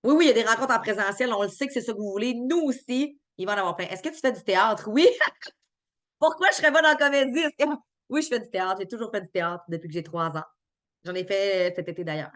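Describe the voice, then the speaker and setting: On a live stream, a woman with a Québécois French accent responds to chat questions from viewers at a quick pace and medium pitch. She sounds upbeat and talkative, peppering her speech with fillers and restarts.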